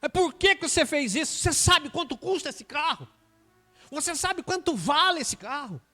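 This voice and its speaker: A man's voice: very high voice, expressive, sharp tone, soft background music, voice pushed up, heavily acted. A man voicing an angry young man scolding a child over his dented car, with a Brazilian Portuguese accent. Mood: indignant angry. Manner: indignant, rapid questioning.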